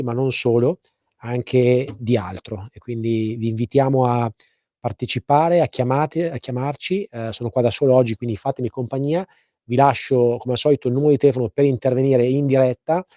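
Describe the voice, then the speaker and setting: A man hosting a live call-in radio show, explaining things informally with hesitant, pause-filled phrasing. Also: medium pitch, mellow, no room sound. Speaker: radio host and legal advice presenter.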